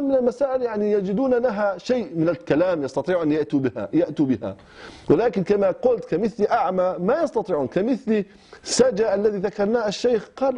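A man from Kirkuk, Iraq, with an Iraqi Arabic accent, explains recitation rules in class. His voice is high, warm and husky, and he speaks in short phrases, often hesitating and starting over. The class recording is dull and lo-fi.

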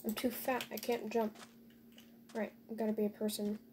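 A woman's voice: mid-range voice, little pitch movement, moderate pace, background noise. A woman casually commentating her own gameplay, talking to viewers with joking asides and dry sarcasm.

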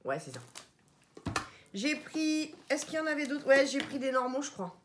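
A woman's voice: high voice, normal speed, a little hiss or hum. Chatty French-speaking woman vlogger at home. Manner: chatty, animated, stumbling over English product words. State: tired. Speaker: vlogger showing a shopping haul. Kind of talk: casual haul vlog chat.

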